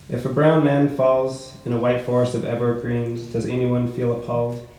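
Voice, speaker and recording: Author reading with a mellow, measured cadence. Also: male voice, mid-range voice. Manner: measured, rhythmic delivery. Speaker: author reading his work. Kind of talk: poetry reading at a book launch. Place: bookshop event space. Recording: echoey room with faint noise.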